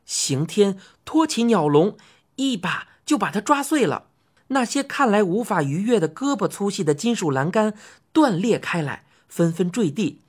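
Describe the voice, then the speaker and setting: Lively woman narrating a kids' fantasy story. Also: medium pitch, normal speed, slightly rough. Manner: expressive, rising to cries in excited passages. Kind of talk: dramatic audiobook narration of a children's fantasy story.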